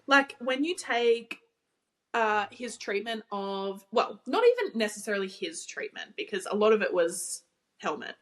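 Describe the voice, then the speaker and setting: A woman's voice: medium pitch, sing-song, a little slow, a bit bright. A woman hosting a casual racing podcast, opening the show and weighing her words with care. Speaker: podcast host. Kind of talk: casual chat.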